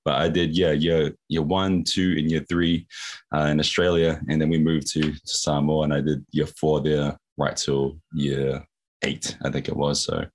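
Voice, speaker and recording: Man, young adult, very low voice, relaxed slangy storytelling, podcast guest. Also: moderate pace. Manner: laid-back slangy chatter with frequent laughs. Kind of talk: casual storytelling.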